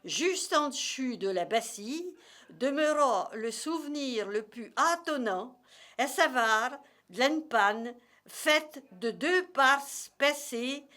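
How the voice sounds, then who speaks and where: A woman with a rural Morvan accent from Burgundy, reading a story aloud in regional dialect in a deliberate, measured way. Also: high-pitched, animated, sharp tone.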